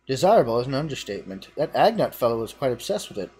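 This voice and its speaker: A man's voice: medium pitch, big pitch swings, fast talker, a little mellow, slightly rough. A man voicing a wry adventurer in a video game, reading the lines in a dry, matter-of-fact way. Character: wry adventurer reporting a cellar mess. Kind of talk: reading game dialogue aloud.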